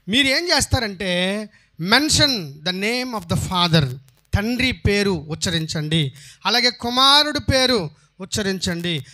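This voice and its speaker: A man preaching a sermon as pastor, putting questions to his listeners and answering them himself. He slips English phrases into his talk and loudly calls out praise to God. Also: sits high.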